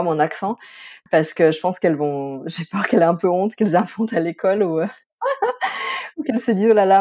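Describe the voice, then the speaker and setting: A woman's voice: low voice, darkish tone. Chatty, hesitant woman in her thirties. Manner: chatty, hesitant with many fillers and restarts. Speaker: interview guest. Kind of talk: casual interview.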